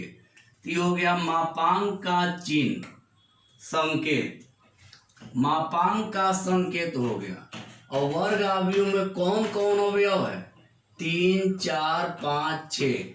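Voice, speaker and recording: A man from Bihar teaching a maths lesson in Hindi, explaining slowly and repeating each step for his students. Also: a little high, fairly bright tone. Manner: slow, repetitive explaining, calls students "babu". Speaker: mathematics teacher. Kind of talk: classroom maths lecture. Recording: echoey room.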